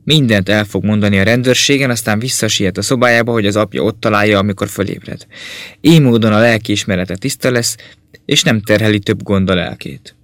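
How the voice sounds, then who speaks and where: A man narrating an audiobook in a calm, measured reading voice. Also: on the low side, no echo.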